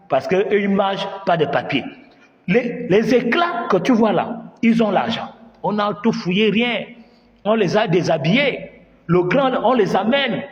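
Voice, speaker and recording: A man's voice: sits high, big-room sound, highs cut off. A man from Gabon, telling a comic story as a storyteller and acting out scenes with voices and sound effects while asking the audience questions. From Gabon, Bitam area. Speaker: comedian storyteller.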